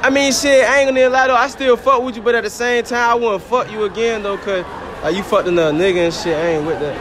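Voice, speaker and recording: A man's voice: very high voice, steady tone, fast, noisy background. A teenage boy answering interview questions at school with brash, slangy bravado. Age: teens. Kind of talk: casual chat.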